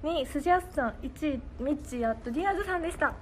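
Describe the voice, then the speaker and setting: A woman's voice: high-pitched, lively intonation, racing, a little mellow. A young woman with a Kansai accent hosting a casual idol livestream, often breaking into laughing fits. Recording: noisy livestream audio.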